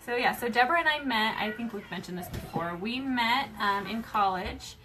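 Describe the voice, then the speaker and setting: Upbeat woman host walking viewers through a craft, rapid and chatty; noisy home recording. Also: a little high, lively intonation, pushed and bright. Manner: fast-talking, chatty, many fillers. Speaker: craft show host demonstrating sewing. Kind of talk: casual livestream sewing tutorial. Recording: clear background noise with clicks.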